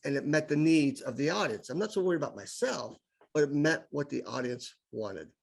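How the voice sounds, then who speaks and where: A gravelly, fairly high-pitched voice belongs to a middle-aged podcast guest who does improv. Speaking a little fast, he tells casual stories with enthusiasm, often repeating words on the way to his point.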